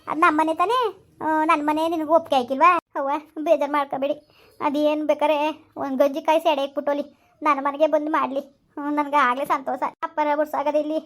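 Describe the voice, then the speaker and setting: A high-voiced woman with a rural Kannada accent talks quickly and steadily. She speaks in a plaintive, lamenting way, playing the parts of a homemade village drama. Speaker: channel host and storyteller.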